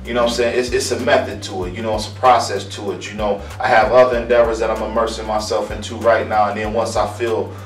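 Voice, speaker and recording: A man in his thirties from Akron, Ohio, a barber answering interview questions in a calm, earnest way, often repeating words as he searches for them. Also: lowish voice, quick pace, few pauses. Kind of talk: casual interview. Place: small room indoors. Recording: roomy, distant mic, faint music.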